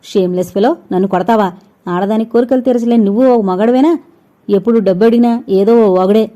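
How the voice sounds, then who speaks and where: A woman's voice: medium pitch, quick pace, highs cut off, natural voice. A woman doing a spoiled demanding young wife. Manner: sharp, demanding, insulting.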